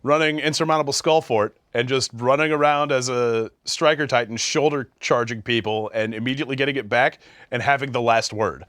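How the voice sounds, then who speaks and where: A man's voice: mid-range voice, a little fast, a bit bright, no echo, studio quality. A young man co-hosting a casual gaming podcast, explaining at length with many fillers. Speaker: podcast co-host.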